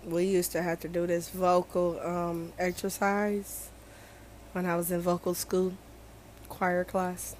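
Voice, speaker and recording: A woman hosting a casual morning show, talking in a laid-back, soft-spoken and slangy way. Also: on the low side, little pitch movement, slow pace, slight background noise. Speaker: host. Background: music playing.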